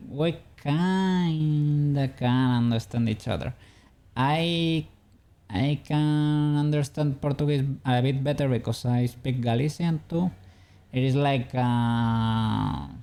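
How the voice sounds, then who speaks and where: Medium in pitch, dark and smooth, this Spanish-accented man from Spain streams himself building a 3D model. He talks casually with viewers, rambling, responding to chat, and chuckling frequently.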